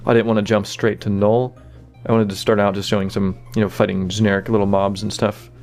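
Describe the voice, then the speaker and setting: A man giving casual behind-the-scenes commentary on his own animation, relaxed and full of fillers like "you know" and "kinda". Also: lowish voice, a little fast, faint music behind.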